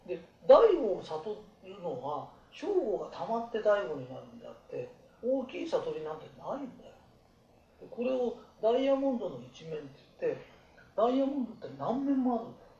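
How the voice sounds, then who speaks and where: A man giving life advice to a small group in blunt, rough, colloquial talk. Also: high-pitched, big pitch swings, a little fast, darkish tone, roomy sound, lo-fi sound.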